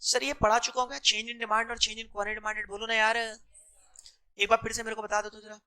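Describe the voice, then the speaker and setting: A man's voice: high-pitched, flat delivery, normal speed, sharp tone, clear, resonant tone. A male economics teacher lecturing a class, mixing terms into his speech and constantly prompting students to answer back. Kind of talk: classroom lecture with call-and-response questions.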